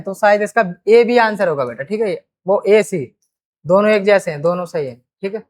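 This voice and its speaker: Lady teacher going thru spelling questions, drags out words, keeps saying beta. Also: medium pitch. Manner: drawn-out repeated words, addresses students as beta. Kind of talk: exam-prep grammar lesson.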